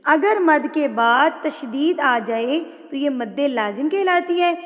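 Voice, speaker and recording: A woman teaching an online Quran recitation lesson, explaining patiently step by step and drawing out words slowly when she recites. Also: sits high, expressive, a bit bright, big-room sound. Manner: slow drawn-out recitation of Arabic words.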